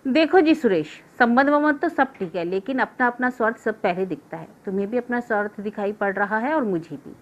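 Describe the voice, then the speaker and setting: A woman's voice: fairly high pitch, animated, a little fast, hardly any pauses, natural voice. A woman voicing a stubborn, defensive middle-aged village man in a story reading. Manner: defensive, dismissive retorts. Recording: dull lo-fi recording.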